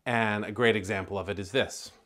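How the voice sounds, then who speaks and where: A man's voice: lowish voice, fairly even intonation, fairly quick, a bit bright. A man giving an explanatory video lecture on film acting, conversational, with asides and self-corrections.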